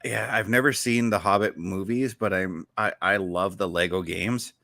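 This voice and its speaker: With a bright, forceful voice on the low side, a podcast host talks about video games at a moderate pace and with fairly even intonation. The recording has no echo, and he rambles enthusiastically, often backtracking partway through sentences.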